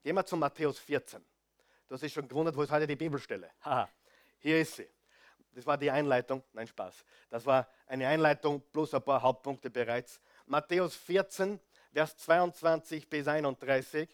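A male preacher with a fairly high voice, reading scripture and then breaking off to speak straight to his congregation. He is animated, dropping to soft asides and then punching key words out loud. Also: moderate pace. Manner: animated, addresses the audience directly; swings between soft asides and loud stresses. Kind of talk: sermon with Bible reading.

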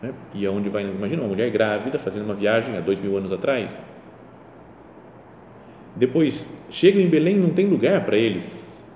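A man's voice: animated, fairly quick, a little mellow. A man giving a conversational sermon, often checking in with "né?" and lifting his voice for emphasis. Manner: conversational, rises in pitch and volume for emphasis, often asks "né?". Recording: echoey hall with faint rumble.

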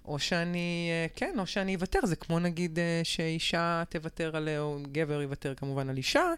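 A woman co-hosting a podcast in casual chat, reflecting aloud and often pausing to search for the right words. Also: low-pitched, steady tone, clear, resonant tone. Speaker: podcast co-host.

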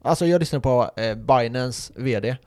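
Young guy, normal pitch, explains stuff at length, emphatic and swears casually, dry close mic. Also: darkish tone, no room sound. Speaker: podcast co-host. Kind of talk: casual chat, explaining crypto trading.

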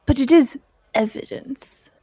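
High-voiced playful woman, tabletop player. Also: measured pace, mellow, no room sound. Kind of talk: casual role-play chat.

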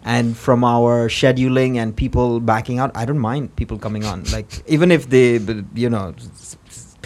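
A man's voice: mid-range voice, fairly even intonation, normal speed, darkish tone, a little hiss or hum. A man hosting a casual podcast chat, teasing his guests and laughing often. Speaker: podcast host.

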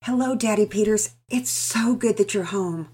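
A woman voicing a gentle, patient mother who speaks in a soft, polite, measured way. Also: mid-range voice, husky, pitched above the performer's own voice, lightly acted. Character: gentle, patient mother, calm under pressure.

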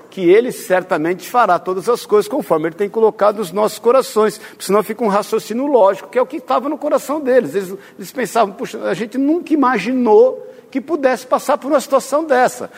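A man preaching a sermon with a notably high voice. He speaks earnestly to his congregation and now and then stumbles and restarts a word. His voice rings out with a long echo through a large church hall. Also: breathy edge. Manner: earnest, addresses congregation directly, stumbles on words. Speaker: pastor.

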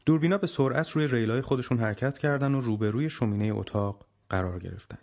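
A man reading an audiobook aloud in a steady, measured storytelling manner. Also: medium pitch, vocal fry. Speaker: audiobook narrator. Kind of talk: scripted audiobook narration.

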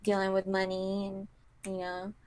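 Answering interview questions, a Kazakh model in her twenties is casual and giggly, with many fillers like "you know" and little laughs. Her medium-pitched, darkish voice is delivered completely flat at a moderate pace.

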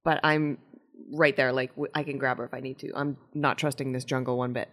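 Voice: medium pitch, flat delivery, a little fast, a bit bright. A tabletop game player chatting casually in character, hesitant, with many fillers. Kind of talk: casual tabletop role-play.

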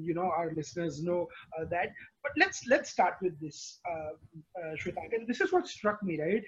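A male podcast host with an Indian accent chats casually in a high, husky voice. He speaks haltingly and often doubles back on his words. The audio is dull and lo-fi.

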